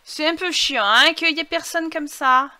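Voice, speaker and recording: High bright-voiced woman playing a game. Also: moderate pace, dry recording. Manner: chatty, excitable outbursts, thinks aloud. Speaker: gaming YouTuber. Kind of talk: casual let's-play commentary. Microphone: headset. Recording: failing headset mic.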